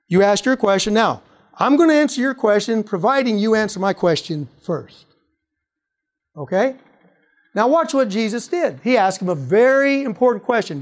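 A male preacher teaching on apologetics, reading scripture aloud and quizzing his listeners with rhetorical questions. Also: high-pitched. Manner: animated, asks rhetorical questions.

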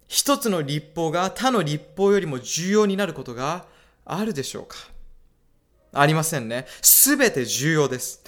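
A man voicing a dubbed sermon, measured and emphatic, often putting questions to the audience. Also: a little high, a bit bright. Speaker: preacher.

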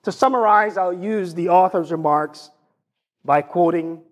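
A man with a Jamaican accent delivers a sermon as a pastor, in a fairly high voice. He puts rhetorical questions to his congregation and builds his points through a list of ideas. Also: measured pace.

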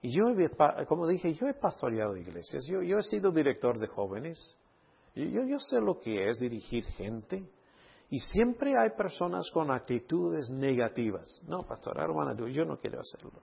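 A man's voice: a little high, big pitch swings, a little slow, vocal fry, husky, lo-fi sound. A man speaking as a pastor in a Bible study sermon, emphatic, posing rhetorical questions and checking in with his listeners.

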